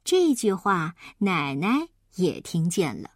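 A woman reading a children's story aloud in an expressive way. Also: fairly low pitch, no room sound, clean studio sound. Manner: slow, lively, expressive.

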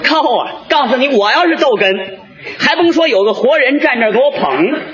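A man performing a stage crosstalk comedy routine, bantering in brisk, boastful teasing setups before a live audience. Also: very high voice, very animated, fairly bright tone, muffled recording.

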